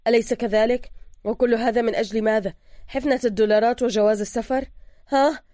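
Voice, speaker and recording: A woman's voice: mid-range voice, steady tone, brisk, darkish tone, dry recording, clean studio sound, natural voice. A woman voicing a stern foreign man who speaks in a formal, commanding way.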